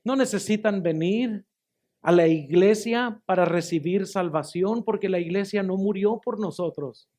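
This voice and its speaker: A man's voice: sits high, measured pace, mellow. A man, a pastor giving his testimony in a sermon, telling it emphatically and repeating phrases for stress. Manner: emphatic storytelling, addresses listeners as brothers.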